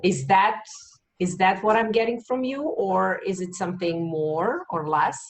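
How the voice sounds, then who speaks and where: A woman from Serbia, interviewing and slowly summarizing what she hears. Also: mid-range voice. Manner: slow, summarizing, searching for words. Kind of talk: reflective interview questions.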